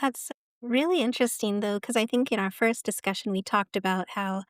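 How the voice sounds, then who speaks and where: A woman's voice: mid-range voice, a little fast, no room sound. A woman hosting a podcast interview, affirming her guest with frequent agreement. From South Asia. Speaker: podcast host. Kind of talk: conversational interview.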